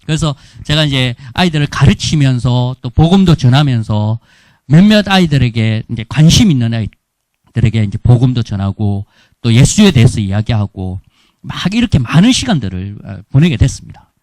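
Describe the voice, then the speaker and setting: A man's voice: medium pitch, normal speed, dry recording. A middle-aged man with a Gyeongsang Korean accent, giving a humorous missionary testimony in a church. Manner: lively storytelling with humor. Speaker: missionary speaker. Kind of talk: testimony sermon.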